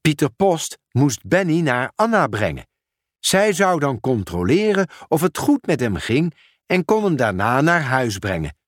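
A man narrates a children's storybook at an easy, unhurried pace. His voice is lively and rises and falls expressively through each sentence. The recording is close and dry, with no room sound. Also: fairly high pitch, no echo. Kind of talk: storybook read-aloud narration.

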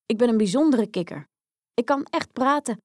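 A woman voicing a small, persistent talking frog who croaks now and then and pleads eagerly, in a storybook reading. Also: a little high, animated, moderate pace, no echo, studio quality, voice pushed up, natural voice. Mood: pleading.

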